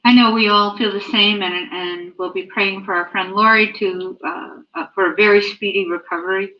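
A woman's voice: medium pitch, fairly even intonation, moderate pace. A woman speaking at a school board meeting, earnestly thanking staff and listing names. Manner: grateful, earnest, lists names. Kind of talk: meeting remarks. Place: school library meeting room. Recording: dull lo-fi meeting audio.

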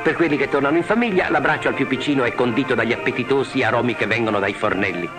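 Old 50s newsreel narrator guy, formal and declamatory, medium pitch, loud music behind. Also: very fast. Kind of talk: scripted 1950s newsreel narration.

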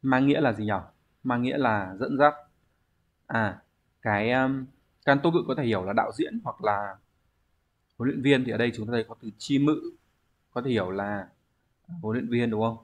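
A man's voice: mid-range voice, moderate pace, pauses often. A man, teaching a language exam review lesson, explaining step by step and answering his own questions.

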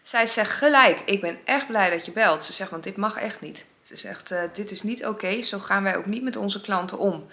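A woman's voice: medium pitch, moderate pace, hardly any pauses, bright, forceful tone. A woman vlogging, casually telling a story and acting out both sides of an argument. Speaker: vlogger, single mother.

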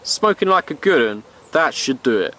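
A man's voice: medium pitch, very animated, moderate pace, pushed and bright, a little hiss or hum. A young man from the UK narrating a bushcraft trip outdoors in a playful, slangy way. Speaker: bushcraft vlogger. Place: outdoors in woods and meadow.

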